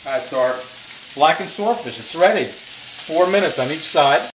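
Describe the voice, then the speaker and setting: A man's voice: fairly high pitch, animated, moderate pace, background noise. A middle-aged man hosting a casual home cooking show, chatting upbeat as he works at the stove. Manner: chatty, upbeat, talks while working at the stove. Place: home kitchen, indoors. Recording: echoey kitchen with loud sizzling.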